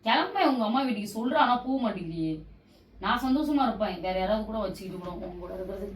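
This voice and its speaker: A woman's voice: on the high side, very animated, fast talker, distant mic. A sleepy young woman at home at night, scolding her partner again and again in a heated, repetitive argument, sounding worn out and annoyed. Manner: scolding, repeats demands, drained and annoyed. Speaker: vlogger in a couple prank video. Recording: echoey room, voice off-mic, faint hiss.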